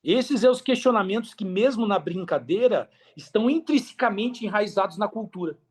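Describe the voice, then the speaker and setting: As a guest on a podcast, a Brazilian man who works in affiliate marketing recounts his story expansively, using slang and repetition for emphasis. He sits high in pitch, speaks briskly and expressively, and has a breathy edge.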